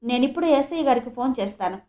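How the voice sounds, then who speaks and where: A woman's voice: sits high, expressive, fast talker, warm tone. A woman voicing a fiery young woman who speaks urgently and pleads in a storybook reading.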